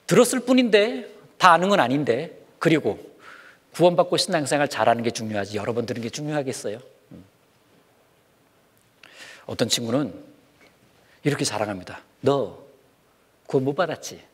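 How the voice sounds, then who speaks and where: A man giving a children's sermon, speaking in an animated way and asking the kids questions as he goes. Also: mid-range voice, fairly quick, pauses often, breathy edge. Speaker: children's preacher.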